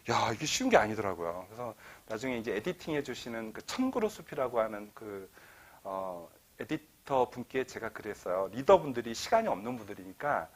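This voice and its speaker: Speaking in a medium-pitched, slightly rough voice, a middle-aged man tells lively stories during an author talk in a lecture hall. He acts out the lines of dialogue he quotes for the audience.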